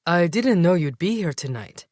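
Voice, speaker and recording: A woman's voice: on the low side, expressive, moderate pace, darkish tone, no echo, clean studio sound. A woman voicing an aloof male elf bouncer who speaks with a sophisticated lisp. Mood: disdainful.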